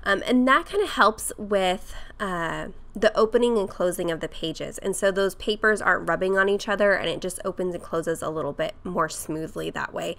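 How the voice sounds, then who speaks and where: A woman with a cold-roughened voice, chatting casually through a craft tutorial voice-over. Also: on the low side, normal speed, hardly any pauses. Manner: chatty, with fillers and soft laughs. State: hoarse from a cold. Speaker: craft vlogger.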